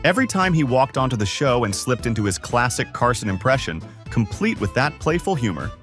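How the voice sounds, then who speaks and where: A man narrates with a lively, swooping pitch and hyped-up energy. Soft music plays under his voice, and he sounds polished and scripted. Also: a little fast. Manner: upbeat, hyped-up delivery. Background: faint background music.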